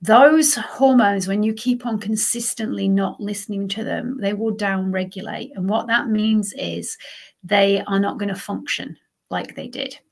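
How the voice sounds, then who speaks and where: A woman's voice: mid-range voice, steady tone, unhurried, gravelly. A woman, a lifestyle coach hosting a solo podcast and explaining things in a conversational, emphatic way. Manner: conversational, emphatic, checks in with "okay" and "right".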